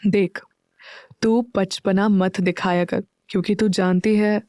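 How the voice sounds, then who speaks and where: A woman voicing an affectionate young man who gently teases his partner. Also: mid-range voice, steady tone, no echo, clean studio sound, lightly acted. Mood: tender. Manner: soft, slow and tender.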